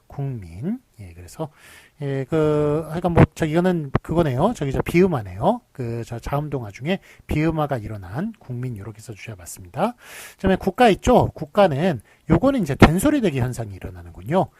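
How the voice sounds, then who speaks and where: A man's voice: a little high, sing-song, brisk, noisy background. A man giving a recorded university lecture, explaining step by step, asking rhetorical questions and using many fillers.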